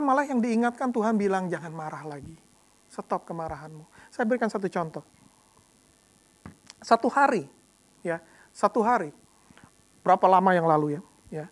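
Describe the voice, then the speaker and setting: A woman deacon preaches a sermon in a conversational style, frequently adding "ya" and repeating words for emphasis. She shifts between soft, low passages and loud, emphatic ones.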